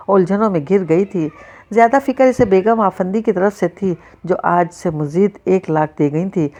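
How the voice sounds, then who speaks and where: A woman narrating a novel in a steady, even storytelling manner. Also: on the low side. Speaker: audiobook narrator.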